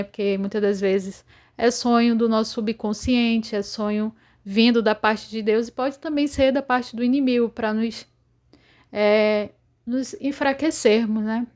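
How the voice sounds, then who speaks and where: A woman's voice: medium pitch, darkish tone. A woman telling her religious dreams in an earnest, rambling testimony full of fillers. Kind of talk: casual testimony.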